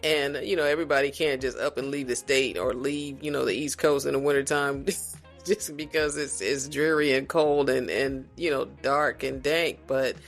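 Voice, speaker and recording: A man from South Carolina, a podcast guest in casual conversation, talking in a reflective, unhurried way with many restarts. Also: mid-range voice, steady tone, vocal fry, fairly bright tone, soft background music.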